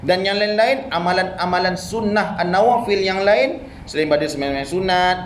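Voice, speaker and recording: A man with a Malaysian Malay accent teaches a study circle in a mosque, his fairly high voice ringing around a roomy prayer hall. He talks in a relaxed, conversational way and drops in "ha" and "eh" between points. A faint hiss runs under the recording. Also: moderate pace. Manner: conversational teaching with frequent "ha" and "eh" interjections. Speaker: religious teacher.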